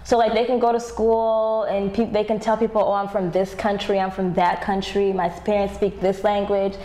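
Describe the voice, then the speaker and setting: A woman's voice: medium pitch, little pitch movement, normal speed, mellow, roomy sound. A woman from Zimbabwe co-hosting a talk show, speaking emphatically and laughing between points. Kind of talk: casual chat. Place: living-room studio set.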